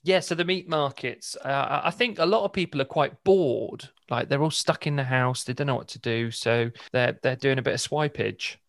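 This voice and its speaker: A man's voice: mid-range voice, normal speed, hardly any pauses, no room sound, studio quality. A British man hosting and editing a podcast, chatting in a laid-back, self-mocking way and laughing often. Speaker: podcast host and editor. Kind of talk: casual banter.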